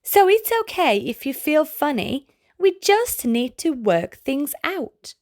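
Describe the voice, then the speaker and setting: A children's storybook channel host reads in a sing-song, fairly high voice, pacing herself very slowly and carefully with a gentle touch for little ones. Hardly any echo colors the dry sound.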